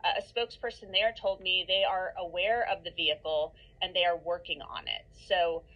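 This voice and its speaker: A woman news reporter delivering a measured, informative broadcast update. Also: lowish voice, steady tone, fairly bright tone, dull audio.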